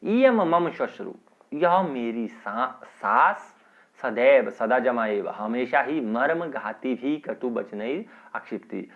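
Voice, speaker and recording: A man teaching online, reading verses aloud and breaking each one down for his students. His pitch rises and falls in an animated way as he explains. The sound is thin and phone-like. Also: slow. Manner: reads Sanskrit lines then explains them in Hindi, often adding "ठीक है". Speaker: Sanskrit teacher. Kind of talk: online lesson explaining a Sanskrit text line by line. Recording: tinny phone-like audio.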